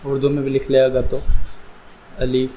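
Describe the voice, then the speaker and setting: A man teaching an English pronunciation lesson, drawing out each letter sound slowly. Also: medium pitch, monotone, mellow, slight background noise, rough recording. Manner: slow, drawn-out sounding of letters. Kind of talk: slow spoken English lesson.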